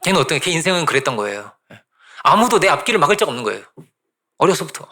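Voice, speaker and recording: Quick, bright-voiced male pastor preaching. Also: a little high. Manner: conversational preaching, keeps asking the congregation "right?"; lively, quick, repeats phrases for emphasis. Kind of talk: sermon.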